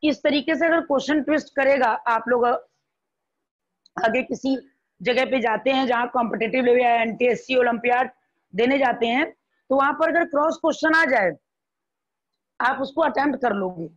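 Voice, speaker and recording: A woman's voice: sits high, muffled recording. A woman teacher with an Indian accent giving a classroom biology lecture, repeating points and checking that students follow.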